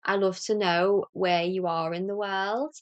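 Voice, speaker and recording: A woman's voice: mid-range voice, fairly even intonation, a little slow, dull audio. Chatty Scouse woman rambling about knitting. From Liverpool, England. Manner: chatty, rambling, self-deprecating. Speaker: knitting podcast host. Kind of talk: casual chat to camera.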